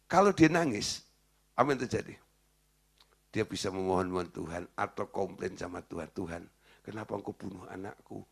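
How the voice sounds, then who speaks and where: Gravelly, lively-voiced male preacher. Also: high voice. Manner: asks the congregation rhetorical questions; casual and joking, laughing at his own points. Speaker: pastor. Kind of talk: conversational sermon.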